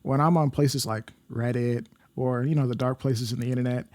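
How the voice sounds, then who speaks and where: A man's voice: mid-range voice, fairly even intonation, moderate pace, a little mellow, dry recording. A man hosting a podcast in casual conversation, thoughtful, often restarting his sentences. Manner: conversational, thoughtful, self-interrupting. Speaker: podcast host.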